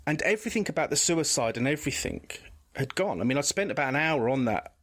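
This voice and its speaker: A man's voice: on the high side, expressive, fast, a bit bright. A man, a podcast guest telling a personal story candidly, rambling with frequent restarts. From England.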